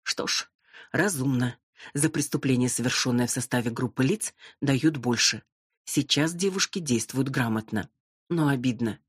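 Woman reading policewoman witch, curt, ironic, low husky voice, dry close audiobook. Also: moderate pace, no room sound. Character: dry, sharp-tongued policewoman witch, middle-aged.

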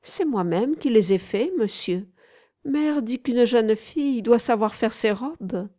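A prim, well-bred young lady from a storybook, raised a notch above the reader's own voice, as a woman puts her on. She speaks properly and takes offence easily, her delivery unhurried. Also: fairly high pitch, mellow, pitched above the performer's own voice. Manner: prim, indignant. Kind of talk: audiobook character reading.

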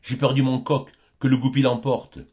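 Man putting on an old peasant woman, high strained pleading voice, exclaiming, dull lo-fi audiobook sound. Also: level tone, normal speed, a little mellow, close to an everyday voice. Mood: lamenting.

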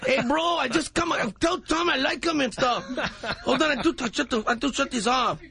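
An excitable young surfer bro, voiced by a male comedian, pitched way up and bursting with slang. The tone is bright and forceful. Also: normal speed, gravelly, full character voice. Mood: excited. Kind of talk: comic impression.

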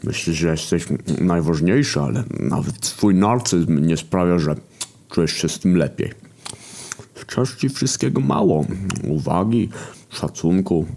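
Hunger, a bitter male horseman spirit, voiced by a man, sounding mocking and accusing. He drags out his words with scorn. The voice is deep and low. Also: animated, a little slow, creaky, darkish tone, exaggerated voice.

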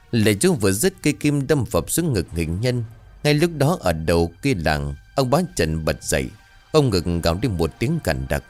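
A man's voice: lowish voice, darkish tone. A man narrating a horror story in a dramatic, tense storytelling manner.

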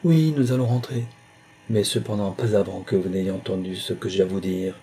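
A man's voice: low-pitched, steady tone, moderate pace, mellow, slight background noise. Man voicing an ardent young lover. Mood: earnest. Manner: earnest, imploring.

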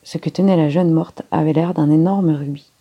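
Husky-voiced woman reading aloud. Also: deep voice. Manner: measured, even reading. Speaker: reader. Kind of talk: storybook narration.

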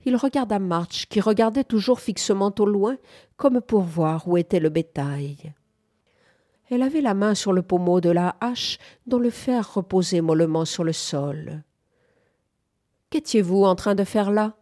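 Woman reading a classic novel, calm, steady, pretty even pace. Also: mid-range voice, normal speed. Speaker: audiobook reader. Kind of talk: literary audiobook narration.

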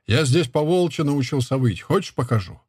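Reader doing a bitter bearded deserter, curt and husky, mid pitch. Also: male voice, expressive, normal speed, darkish tone, no room sound, studio quality. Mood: brooding. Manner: low, curt and brooding. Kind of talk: audiobook character reading.

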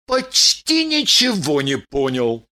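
A woman's voice: sits low, huge pitch swings, slow, pushed and bright, full character voice. A woman voicing a bitter, confused young warrior man, heavy and sullen in tone.

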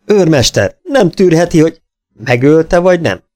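A man's voice: a little high, sing-song, a little mellow, no room sound, clean studio sound, voice pushed up. A man voicing a brutal, hot-tempered male corporal who blusters angrily. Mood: outraged. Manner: angry, blustering.

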